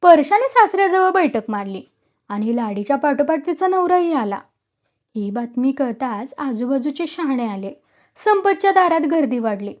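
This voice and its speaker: A woman's voice: very animated, moderate pace. A woman narrating a rural story as an audiobook, raising her voice for the characters' dialogue. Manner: voices rustic characters with louder, higher-pitched dialogue.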